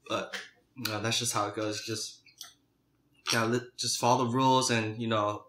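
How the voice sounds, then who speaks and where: A man's voice: medium pitch, level tone, moderate pace, a bit bright, slight background noise. A man casually chatting as a mukbang host, chewing and eating while he talks. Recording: roomy, echoey indoor sound.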